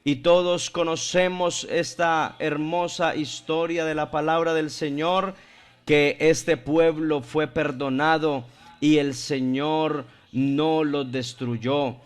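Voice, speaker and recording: Slow, deliberate male preacher, higher-pitched. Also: steady tone, clean tone. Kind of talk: sermon.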